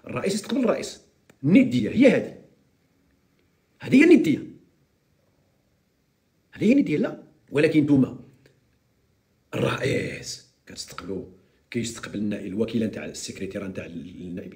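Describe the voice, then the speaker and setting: A Moroccan-accented man rattles off political commentary at breakneck speed on a live stream. His pitch leaps and dips all over the place as he mocks and teases. The delivery is sarcastic and animated.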